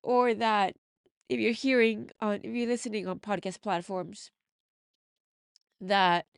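A woman speaking as the host of her own motivational podcast, coaching listeners with earnest emphasis. Her voice is smooth and resonant, at a middle pitch for a woman. The sound is dry and close, with little room around it. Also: steady tone, unhurried, no echo.

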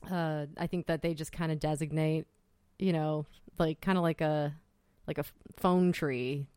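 A young woman with a low voice, co-hosting a podcast in easy conversation. She comes across skeptical, wry and blunt, and she swears casually. The sound is dry and close. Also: steady tone, moderate pace, dark tone, clean tone, dry recording. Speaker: podcast co-host. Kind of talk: casual chat.

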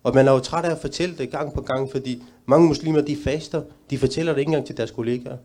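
A middle-aged man answering a question at a talk, earnest and measured, sometimes restarting a sentence. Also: medium pitch, steady tone, a little mellow. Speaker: panel speaker.

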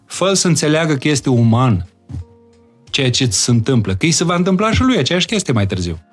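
A man, a guest in a conversational interview, explaining his views calmly and earnestly with everyday examples. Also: mid-range voice, soft background music. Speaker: interview guest, disciple of spiritual masters.

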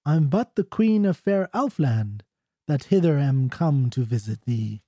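A man's voice: on the high side, lively intonation, a little slow, mellow, breathy edge, dry recording, clean studio sound. A man voicing a regal fairy queen, reading her lines of an old ballad in a mock Scottish accent. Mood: lofty. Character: regal fairy queen, a woman, stately and commanding.

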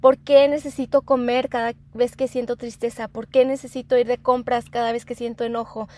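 A woman's voice: on the high side, flat delivery, darkish tone. A woman giving an informal self-help talk, explaining with frequent rhetorical questions and repeating her phrases. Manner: halting, repeats and restarts phrases.

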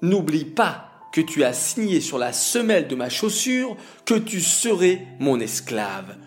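Storybook figure: calm, shrewd man, measured delivery, the male narrator's own slow voice. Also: a little high, soft background music.

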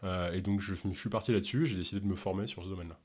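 A man from Ontario who speaks French with no accent, answering interview questions in a halting way with many fillers. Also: deep voice, steady tone, a little mellow. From Canada, Ontario. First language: English. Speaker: podcast host and health coach.

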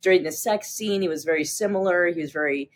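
A woman's voice: fairly low pitch, quick pace. Enthusiastic, easily laughing woman. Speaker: interview guest. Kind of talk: casual conversation.

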